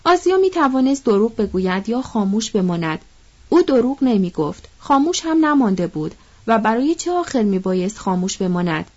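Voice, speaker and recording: A woman reading a novel aloud in measured, literary narration. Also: fairly high pitch, very animated, darkish tone, dull audio. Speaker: audiobook narrator.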